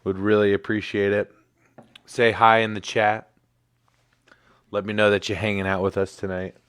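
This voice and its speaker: A man's voice: on the low side, level tone, moderate pace, a bit bright, clear, resonant tone, no echo. A man in his thirties hosting a casual livestream sports show, laid-back and rambling with plenty of fillers. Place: home in Michigan.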